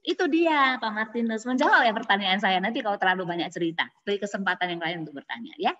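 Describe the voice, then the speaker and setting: Nun from pontianak telling stories, lively and animated, dull muffled audio. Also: female voice, medium pitch, quick pace. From Pontianak, Indonesia. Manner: lively, acts out others' voices in her stories. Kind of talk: casual storytelling testimony. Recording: dull audio with long hall reverb.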